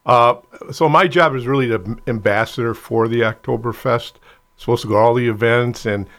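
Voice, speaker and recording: A man's voice: medium pitch, fairly even intonation, a little fast, fairly bright tone. A man who serves as a festival ambassador, a guest talking in an easygoing way in a casual interview.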